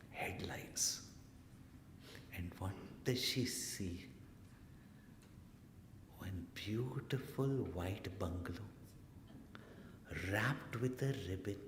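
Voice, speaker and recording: A low-voiced man tells a story in a spiritual talk, his pitch swinging widely as he acts out each person. He lowers to a near-whisper for suspense. The recording has the long reverb of a large hall. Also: very slow, pauses often. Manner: animated storyteller, acts out quotes, drops to a hush for suspense. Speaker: spiritual teacher. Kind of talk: storytelling discourse. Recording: echoey hall, faint noise.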